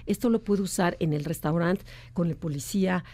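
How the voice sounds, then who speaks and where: Woman guest expert, mellow dark tone, animated explainer who acts out quotes. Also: on the low side, normal speed. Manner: acts out quoted voices, many restarts. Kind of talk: explanatory radio talk.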